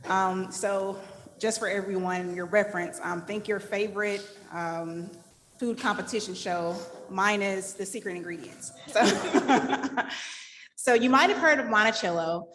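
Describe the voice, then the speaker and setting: A woman's voice: medium pitch, a bit bright, slight background noise. A woman hosting and moderating a live panel discussion, reading a scripted introduction with upbeat, laughing asides. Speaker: event host and moderator.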